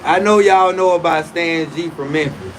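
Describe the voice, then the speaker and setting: A man in his forties rambling through a casual livestream, his voice sitting a little high for a man. He talks in loose, profane slang, often restarting his sentences mid-thought. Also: normal speed, a little hiss or hum, rough recording. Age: 40s. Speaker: livestream host.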